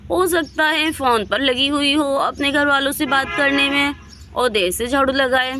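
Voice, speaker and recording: A woman's voice: high voice, normal speed, background noise, lightly acted. A woman voicing a kindly village sister-in-law chatting with neighbors. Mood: easygoing. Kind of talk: doll story voice acting.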